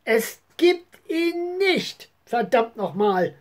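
A woman voicing a bossy young girl who scolds her little brother in a high, insistent voice. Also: animated, takes it slowly, a little mellow, slightly rough, exaggerated voice. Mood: indignant. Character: bossy young girl, quarrelsome older sister.

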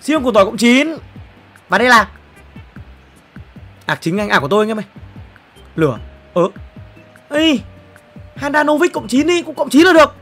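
A young man, streaming himself opening player packs in a football game. He is excitable and swings from loud exclamations to low muttering. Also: normal speed, long pauses, soft background music. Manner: excitable, exclamatory, jumps between shouting and muttering.

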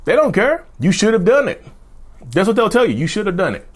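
A man in his thirties hosts a mental health channel, giving advice straight to camera in an indoor studio with a backdrop. His high voice is fairly quick and swings widely in pitch, and he speaks emphatically and repetitively, calling viewers "y'all."

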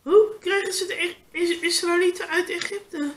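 A woman's voice: extremely high pitch, fairly even intonation, moderate pace, a little hiss or hum. A woman reading a children's Bible story aloud, stumbling and restarting on words as she goes.

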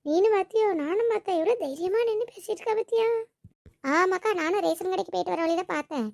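A woman doing a shrill, eager village neighbor. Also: fast talker, gravelly, darkish tone, no room sound, clean studio sound.

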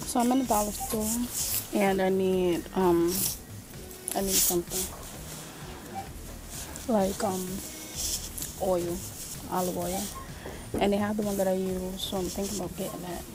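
A woman's voice: medium pitch, fairly even intonation, a little slow, pauses often, over music. A young woman vlogging in casual chat, blunt and slangy with some swearing, filming on a handheld phone at arm's length outdoors and in a store. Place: city street outdoors, then inside a discount store. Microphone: handheld phone camera at arm's length.

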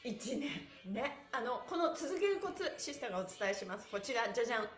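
A middle-aged stretch instructor chats with her livestream viewers, effusive, playful and encouraging, often laughing as she exclaims. Her voice is fairly high, sing-song and a little fast, echoing in a bare room.

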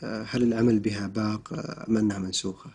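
A man's voice: lowish voice, steady tone, rapid-fire, darkish tone, slightly rough. A man presenting a radio programme as host, in formal Standard Arabic with a courteous manner.

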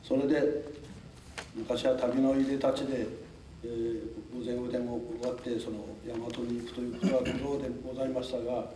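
An older lecturer from Tokunoshima in Japan's Amami Islands gives a formal talk to a local audience, polite and chatty, often chuckling and making asides. His mid-range, dark-toned voice shows little pitch movement and moves fairly quickly. The mic sits at a distance in an echoey hall, with a little hiss or hum.

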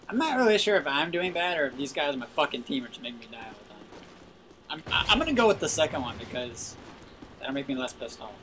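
A man's voice: mid-range voice, background noise. Angry swearing young man gaming. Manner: frustrated, swearing and yelling at other players. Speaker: gaming video host. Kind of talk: live gameplay commentary.

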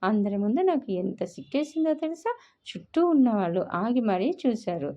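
A woman's voice: a little high, very animated, normal speed, mellow, pitched above the performer's own voice. A melodramatic young college girl, put on by a woman storyteller, sobbing through her complaints in a raised, wavering voice. The recording sounds dull and lo-fi. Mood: tearful, melodramatic.

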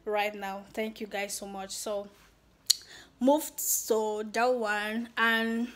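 A young woman with a Nigerian accent speaks straight to her viewers in a casual vlog. Her voice sits a little high, and she sounds excited and heartfelt, switching freely between Pidgin and English. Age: young adult. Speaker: YouTuber.

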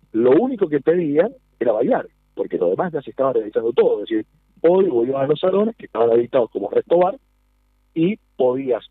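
Over a tinny phone line, a man in his thirties with an Argentine Spanish accent, representing a nightlife business, earnestly explains a policy in an interview and asks for agreement. His voice is a little high and husky, with no room sound.

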